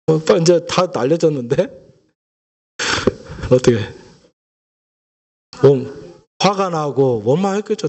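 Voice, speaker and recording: Storytelling pastor preaching a lively sermon. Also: male voice, on the high side. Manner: lively storytelling with rhetorical questions to the congregation. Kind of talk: Sunday sermon.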